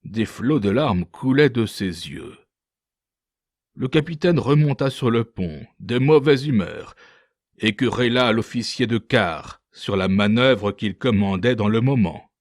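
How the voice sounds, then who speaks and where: A man narrating a classic story with a measured, dramatic reading. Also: medium pitch, lively intonation, dry recording, clean studio sound. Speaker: audiobook narrator. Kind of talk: scripted narration.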